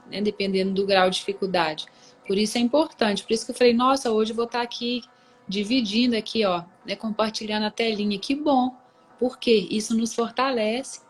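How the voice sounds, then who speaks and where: A woman's voice: mid-range voice, poor audio. A woman hosting a live book reading, talking in a casual devotional way over a video call and often tagging her sentences with questions. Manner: warm, conversational, with many tag questions.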